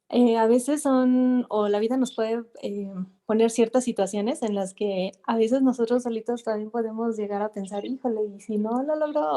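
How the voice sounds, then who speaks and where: Woman, Mexican Spanish accent, coaching student, mellow warm tone, hesitant and thoughtful, video call. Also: a little high. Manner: thoughtful, hesitant, many fillers. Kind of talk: sharing reflections in class.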